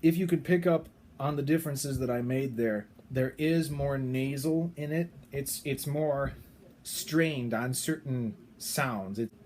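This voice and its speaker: A man's voice: medium pitch, a little slow, darkish tone, a little hiss or hum. A man casually explaining to camera with frequent fillers and restarts. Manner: chatty, hesitant, frequent um and restarts. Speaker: video creator.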